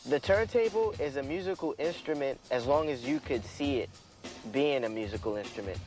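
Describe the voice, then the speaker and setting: A man's voice: medium pitch, animated, fairly quick. A man from Queens, a turntablist talking casually and reflectively in a documentary interview. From Jackson Heights, Queens, New York. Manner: reflective, conversational, with casual slang. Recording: interview under loud music. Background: loud hip-hop music.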